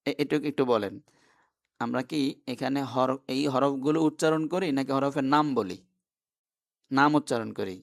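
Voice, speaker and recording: A man's voice: medium pitch, normal speed, vocal fry, long pauses. A man teaching an online class, who explains step by step and keeps asking his students questions.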